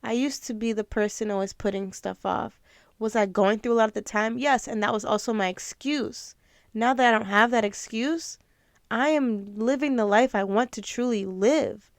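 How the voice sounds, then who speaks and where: Her fairly high-pitched voice comes through with no echo. As host of her own podcast, this young woman speaks in a casual, motivational way, earnest and emotional and sometimes near tears.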